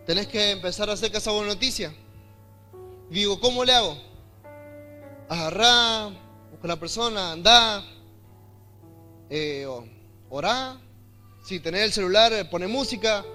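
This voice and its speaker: A young man with a high-pitched voice and an Argentine Spanish accent preaches a sermon and shares a personal testimony, often building to loud, emphatic delivery.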